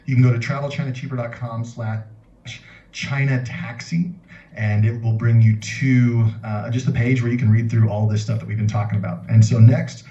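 A man co-hosting a casual podcast, explaining steadily and slowing down to teach phrases. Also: medium pitch, fairly even intonation, warm tone, far from the mic. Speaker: podcast co-host. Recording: dull roomy sound from off mic.

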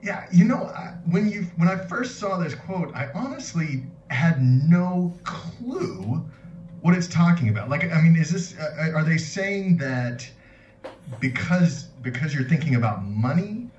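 A man's voice: a little high, big pitch swings, a little slow, darkish tone, highs cut off. A man co-hosting a podcast in a casual, conversational style. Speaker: podcast co-host. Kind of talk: casual chat. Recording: distant, echoey room with faint noise.

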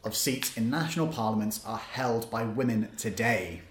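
A man co-hosting a casual podcast discussion, haltingly rephrasing as he thinks aloud. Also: fairly low pitch. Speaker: podcast co-host. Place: studio. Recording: roomy, echoing studio sound.

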